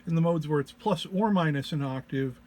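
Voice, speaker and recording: A man presents an informal technical walk-through, demonstrating an audio effects patch. He sounds low-energy and under the weather, halting and hesitant, though his tone is warm. The recording comes from a single mono microphone with clear background noise.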